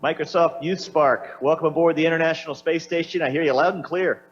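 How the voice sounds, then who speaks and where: Higher-pitched man on a dull, humming downlink. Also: steady tone, brisk, breathy edge. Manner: hesitant, searching for words. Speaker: astronaut answering questions. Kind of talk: unscripted question-and-answer talk. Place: aboard a space station. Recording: slightly dull downlink with faint hum.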